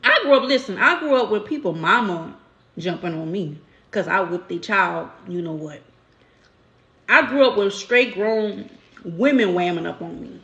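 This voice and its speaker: A woman with a New Orleans accent hosts a casual live-stream chat. She talks in a candid, storytelling way with everyday slang. Her voice sits at a middle pitch. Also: animated, moderate pace, fairly bright tone, echoey room, muffled recording. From New Orleans, USA. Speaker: channel host.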